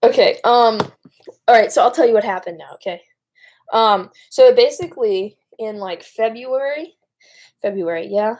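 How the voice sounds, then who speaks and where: A woman's voice: on the high side, normal speed, a little mellow. A young woman with a Great Lakes Michigan accent chats casually on a live stream in an informal, rambling way. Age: young adult. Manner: rambling, informal, breaks off and addresses viewers.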